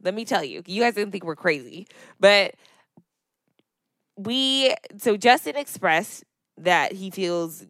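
A young adult woman co-hosting a casual podcast, telling a story in an animated, emphatic and exasperated way. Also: mid-range voice, slow pace, pauses often, no echo, clean studio sound. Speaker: podcast co-host. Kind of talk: casual chat.

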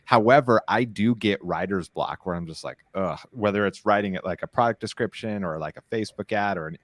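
A man who makes products, talking in a relaxed, reflective way in a casual panel chat. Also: fairly low pitch, fairly quick, no room sound. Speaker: product maker.

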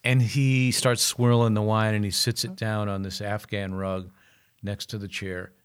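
Smooth and lowish, his voice moves at a measured pace as he shares stories. He's an older man, a musician guest in a relaxed interview, and he livens up his tales by mimicking the people in them.

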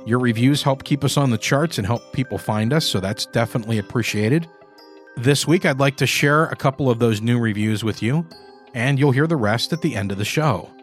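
A man's voice: medium pitch, fairly quick, soft background music. A man hosting a podcast in a scripted presenter style. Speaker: podcast host and narrator.

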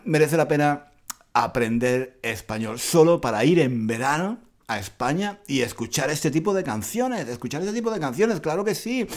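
A middle-aged man from Spain hosting a casual podcast lesson, explaining words slowly and repeating them for learners, often breaking into laughter. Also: fairly high pitch. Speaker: Spanish teacher podcast host.

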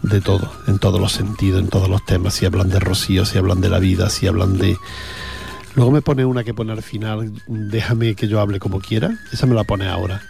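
Here the Andalusian radio host is brisk, his low, creaky voice holding a steady tone over music. Between songs he chats and rambles, leaning on fillers and repeating words often.

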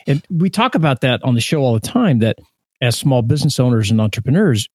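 A man's voice: medium pitch, lively intonation, darkish tone, no room sound. A man co-hosting a podcast in a casual conversational way, often restarting and repeating words. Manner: halting, repeats words mid-sentence. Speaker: podcast co-host.

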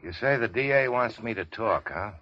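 A man's voice: on the low side, animated, normal speed, no echo, lightly acted. An actor playing a wounded big-shot racketeer, wry and world-weary, with clipped slangy tough-guy talk in a vintage radio crime drama. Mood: shrewd. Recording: dull vintage radio recording.

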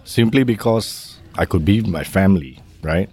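A middle-aged man from Malaysia, speaking in a measured, conversational way as an interview guest and often tagging his sentences with "right?". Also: deep voice, animated, darkish tone, husky. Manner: measured, uses fillers like "how you say" and "right?". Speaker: guest, maritime safety executive.

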